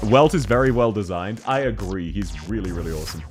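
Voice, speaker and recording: A man's voice: lowish voice, lively intonation, brisk. A man chatting casually on a gaming livestream, answering viewers as he plays in a chatty, giggly way. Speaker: livestreamer playing a game. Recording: game music behind the voice. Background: video game music.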